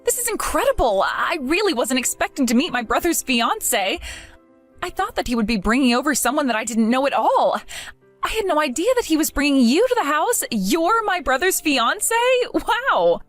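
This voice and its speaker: Earnest, wounded young woman, voiced by a woman; pleading, animated, fairly high. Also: moderate pace, faint music behind.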